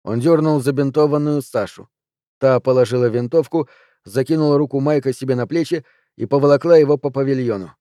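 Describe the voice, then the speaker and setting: A man narrates an audiobook from a script, reading in a steady, measured way. His pitch is medium, and the studio recording is clean with no echo.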